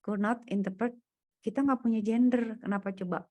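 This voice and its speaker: A woman's voice: on the high side, fairly even intonation, normal speed, mellow. Casual woman tutoring data science. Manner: casual, thinking aloud while walking through code. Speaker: coding tutor. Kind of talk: private coding lesson over screen share.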